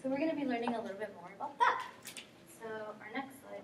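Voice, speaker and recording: Young woman from guatemala presenting to class, lots of ums, kinda high voice, far away echoey room. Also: fast, very noisy. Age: young adult. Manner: earnest, filler-heavy with frequent ums and likes. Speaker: student presenter.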